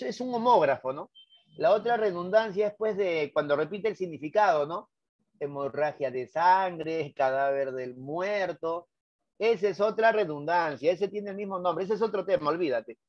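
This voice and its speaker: A middle-aged man with a Peruvian Spanish accent teaching a review class, animated and constantly quizzing his students with tag questions. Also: high-pitched, no echo. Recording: dull, dry lo-fi sound.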